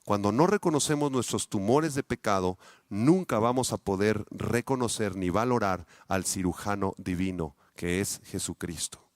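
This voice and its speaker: A man with a Mexican accent, a pastor delivering a sermon, speaking straight to his congregation with many rhetorical questions, his voice swinging between loud peaks and quiet, low asides. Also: normal speed, no echo. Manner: addresses the congregation directly with frequent rhetorical questions.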